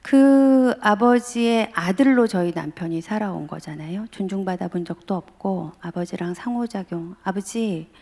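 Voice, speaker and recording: A woman's voice: mid-range voice, normal speed, few pauses, mellow, long reverb tail. A middle-aged woman professor giving a sermon, telling family stories and speaking directly to the congregation. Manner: storytelling, addressing the congregation directly. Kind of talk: sermon at a dawn revival service.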